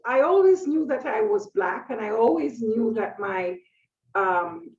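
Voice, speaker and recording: A woman around sixty from Jamaica, a painter and author speaking as an interview guest, reflective and thoughtful, often pausing with fillers as she tells her story. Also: on the high side, lively intonation, a little mellow. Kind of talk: conversational interview. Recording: echoey, distant, dull sound.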